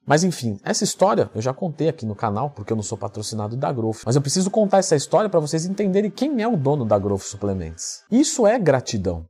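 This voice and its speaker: A man from Brazil, a fitness coach and YouTuber, telling a story in a vlog with lively acted-out dialogue. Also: medium pitch, fast, few pauses, breathy edge. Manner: animated storyteller who acts out quoted dialogue.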